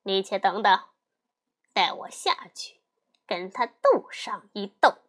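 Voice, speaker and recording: A woman's voice: mid-range voice, lively intonation, takes it slowly, fairly bright tone, pitched below the performer's own voice. A woman storyteller voicing a brash, boastful male monkey king who swaggers, threatens and sneers. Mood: scornful. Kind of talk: storybook character voice.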